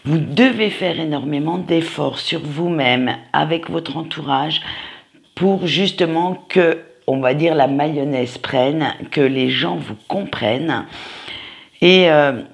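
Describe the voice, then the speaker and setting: A man giving a casual tarot reading, speaking slowly and hesitantly with many fillers. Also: on the high side, creaky. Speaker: tarot card reader.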